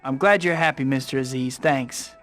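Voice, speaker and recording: A man's voice: mid-range voice, normal speed, a bit bright, soft background music, lightly acted. A man playing an earnest, awkward young superhero in a video game, boyish in manner. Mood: polite, upbeat. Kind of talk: video game character acting.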